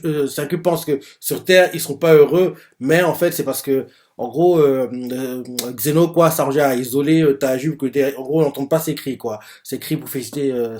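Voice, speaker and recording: The speaker is a man whose voice runs high and warm. On his live manga reaction stream he works through each page aloud, hesitant and explaining as he goes, leaning constantly on "euh" and "en gros." Other people's lines come out in his own voice, summarized.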